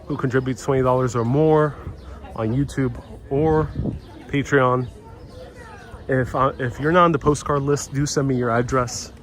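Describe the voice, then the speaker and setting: A live-stream travel host from New York, of Puerto Rican heritage, chats loosely while out on a city street, rambling conversationally and restarting often. His pitch is medium, and street noise and traffic carry behind him.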